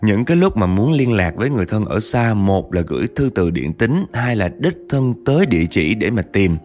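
Male storyteller, low and very expressive, faint music bed. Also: brisk. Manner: lively, addresses listeners directly. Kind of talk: ghost story narration.

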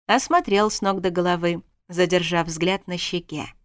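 A woman's voice: on the low side, steady tone, moderate pace, no room sound. A woman narrating a first-person story as an audiobook, reading expressively.

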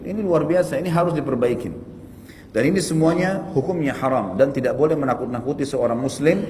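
Emphatic man lecturing in an echoey hall. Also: a little hiss or hum. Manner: animated, emphatic, rising pitch on rebukes. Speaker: religious teacher. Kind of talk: Islamic study lecture.

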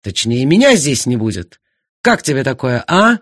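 A man voicing a jealous, blustering husband who shouts indignantly in an audiobook. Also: medium pitch, very animated, moderate pace, no room sound, clean studio sound. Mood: ranting. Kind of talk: audiobook character voice.

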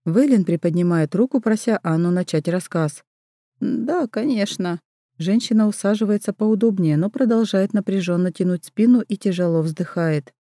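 A woman reading a first-person story in an even, measured way. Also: mid-range voice, dry recording, clean studio sound. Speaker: audiobook narrator. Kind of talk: scripted first-person narration.

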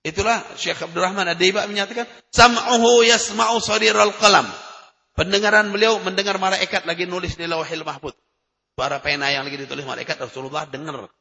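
A man delivering a sermon in a high, gravelly voice with a bright, forceful edge. He talks in a casual, emphatic way and his voice keeps jumping up into loud bursts. The recording is dull and lo-fi, with a long hall reverb. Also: fairly even intonation, quick pace. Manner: emphatic, conversational preaching with sudden loud rises. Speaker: preacher.

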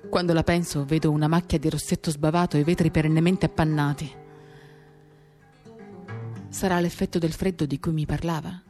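This radio theatre reader delivers a novel's monologue in short, confiding, dramatic phrases with an intimate feel, backed by acoustic guitar. She has a low, dark voice with a steady tone, normal speed and long pauses.

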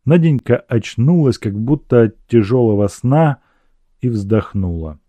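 A man narrating a classic novel in a measured, even storytelling manner. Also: mid-range voice, no echo. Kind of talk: audiobook reading of a classic novel.

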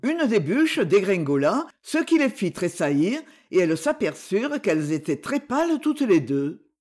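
An audiobook narrator reading a short story aloud. The voice is lively and rises and falls a lot, with dramatic pauses between phrases. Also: mid-range voice. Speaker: audiobook reader.

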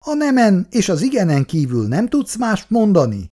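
A man reading aloud, voicing a gruff, combative middle-aged father who grumbles. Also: mid-range voice, sing-song, warm tone, pitched above the performer's own voice.

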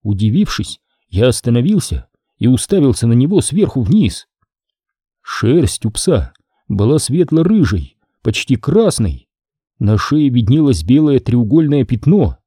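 A man narrating a children's story in an expressive, measured reading. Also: mid-range voice, breathy edge, no echo, studio quality. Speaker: audiobook narrator.

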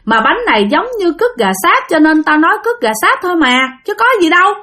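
A woman voicing a cheeky ten-year-old village girl who shouts and teases in a much higher voice. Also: fairly quick, heavily acted. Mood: teasing. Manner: teasing, shouting excitedly.

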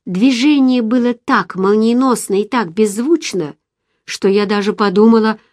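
A woman's voice: a little high, unhurried, a little mellow, no room sound, studio quality. Woman narrating an audiobook. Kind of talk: first-person novel narration.

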